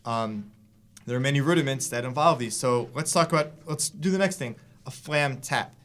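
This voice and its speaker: A man's voice: medium pitch, moderate pace, fairly bright tone, slight background noise. A man giving a casual drum lesson, explaining loosely with fillers and restarts. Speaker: drum teacher. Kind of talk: casual instructional talk. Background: drum hits between lines.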